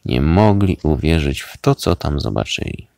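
A man reading a children's bedtime story aloud in a slow, expressive way. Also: extremely low pitch, creaky, slight background noise.

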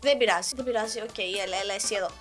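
A young woman, sick with a sore throat, giving excitable gameplay commentary as a gaming YouTuber. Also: a little high, soft background music. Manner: excitable, exclaiming at the game.

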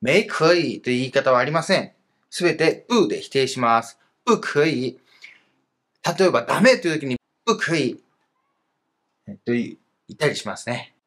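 A husky-voiced man walks through a grammar lesson with a lively, rising and falling delivery. He explains each point patiently and fills the gaps with casual fillers. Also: mid-range voice, normal speed, long pauses. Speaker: teacher of Chinese.

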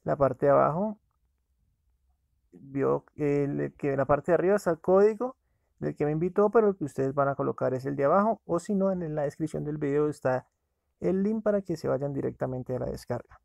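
A man's voice: a little high, fairly quick, creaky, a little mellow, no echo. A man casually narrating a screen-recorded app walkthrough, talking to viewers as friends. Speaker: app reviewer.

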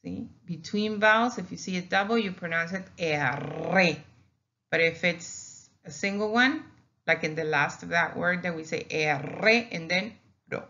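A woman's voice: lowish voice, normal speed, sharp tone, dull audio, slight background noise. A woman, a teacher narrating a lesson over slides, who patiently repeats each sound for learners. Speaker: Spanish teacher.

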